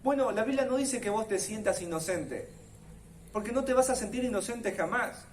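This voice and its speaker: A man's voice: high-pitched, moderate pace, roomy sound, far from the mic, slight background noise. A man with a Rioplatense Spanish accent preaching a sermon as pastor, earnestly putting questions straight to his listeners. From Argentina.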